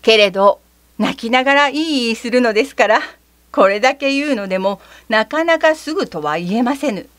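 A woman narrating a children's story gently and expressively, with a slightly theatrical touch. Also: a little high, expressive, normal speed, no room sound. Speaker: reader.

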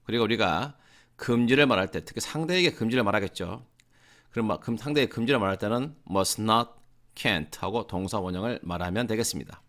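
Low-voiced man teaching English. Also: a bit bright. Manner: slow, deliberate English examples between casual Korean explanations. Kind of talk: online lesson explaining grammar.

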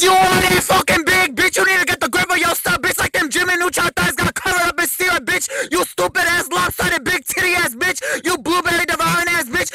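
A man playing a sassy trash-talking fox thief in a voice-chat roast battle, with gravelly shouted insults. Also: very high-pitched, poor audio.

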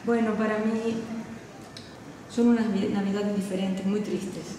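A woman playing a polite, gentle, grieving middle-aged traveller in naturalistic film dialogue. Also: medium pitch, steady tone, measured pace, natural voice. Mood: sad, subdued. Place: large, bare indoor waiting lounge. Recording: very echoey, distant, noisy hall.

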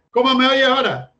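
A man on a casual video call who talks loudly by habit and sounds far from the mic, like a phone held away. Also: very high-pitched. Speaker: meeting participant. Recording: dull lo-fi video call audio.

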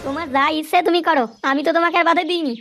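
A voice actress takes on a weary, downcast cartoon hawker, a poor joking man who sighs and repeats 'বুঝলে'. She speaks very fast at an extremely high pitch with a steady tone, over music.

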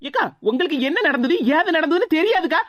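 A woman's voice: very high voice, expressive, quick pace, no echo, dull audio. A woman voicing a hot-tempered young woman in a cartoon who snaps threats, with a Tirunelveli Tamil accent. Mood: fierce. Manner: snappy, fierce.

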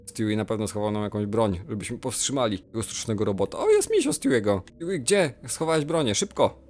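A young man giving playful, excitable commentary while playing a game. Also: lowish voice, brisk. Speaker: gamer. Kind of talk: Roblox let's play commentary.

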